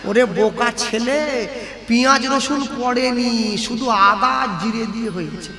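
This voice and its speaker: A man doing a shrill scolding village uncle. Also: moderate pace, pushed and bright. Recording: echoey hall with music.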